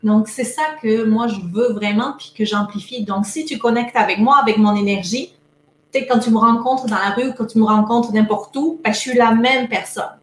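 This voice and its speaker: A productivity coach from France, whose Montpellier accent is blended with Québécois expressions, chats upbeat in a casual interview in Québec. Her voice is a little high and steady at a moderate pace, and the recording is reverberant with slight background noise.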